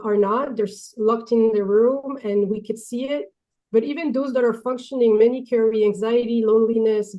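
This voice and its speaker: A woman's voice: medium pitch, mellow, poor audio. Delicate-voiced woman hosting a webinar, hesitant. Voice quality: delicate, light voice. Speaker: webinar host. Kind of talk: spoken welcome and introduction to an online talk.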